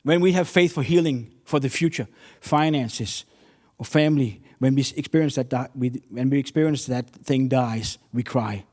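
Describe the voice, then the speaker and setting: A man's voice: mid-range voice, normal speed, hardly any pauses, darkish tone. Earnest man preaching a sermon. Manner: earnest, storytelling with non-native English phrasing.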